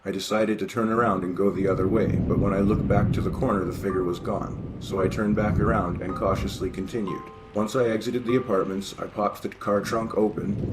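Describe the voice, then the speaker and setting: A man reading horror stories aloud in a steady, even narration. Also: on the low side, very noisy. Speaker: story reader. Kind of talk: scripted horror story narration.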